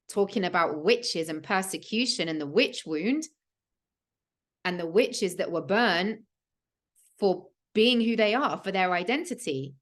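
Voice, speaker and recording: A woman, hosting a livestream and telling a personal story in an earnest, emphatic way with many "like" fillers. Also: fairly low pitch. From England. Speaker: host of a spiritual podcast.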